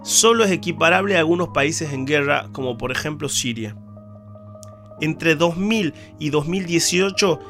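A man hosting and narrating a documentary podcast in a measured, grave storytelling tone. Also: a little high, fairly bright tone. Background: guitar music.

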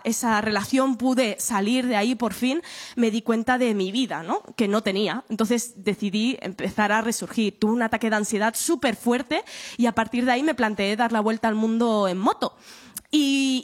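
A young woman talks openly in an interview, her voice sitting fairly high. She is candid and lively, swears without fuss and laughs as she tells her stories. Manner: frank and expressive, swears freely, laughs while telling stories. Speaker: guest, journalist and author.

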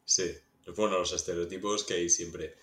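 A man's voice: low voice, fairly even intonation, moderate pace, fairly bright tone, a little hiss or hum. A middle-aged man hosting a podcast interview, asking chatty, winding questions in a casual tone. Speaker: podcast host. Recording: echoey room.

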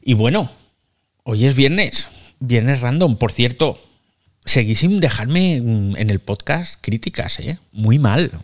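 A man's voice: medium pitch, lively intonation, slow pace. A man with a Spain Spanish accent hosts a loose live audio chat, talking into a phone mic. He is chatty and self-mocking and drops casual swears. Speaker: podcast host.

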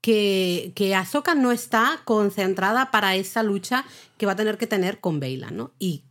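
A woman chats about a TV episode with her co-host. She talks in an eager, friendly way, agrees readily and laughs at her own ideas. Her pitch is in the middle range. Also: animated, a bit bright. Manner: enthusiastic, quick to agree, self-mocking. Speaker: podcast co-host. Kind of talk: casual chat reviewing a TV episode.

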